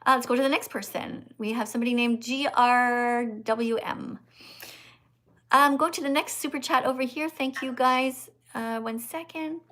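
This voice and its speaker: Older lady livestreamer, preachy teacher vibe, kinda high voice. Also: fairly even intonation, normal speed, a bit bright. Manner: insistent, teacherly, lecturing. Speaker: livestream host. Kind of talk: livestream chat with callers.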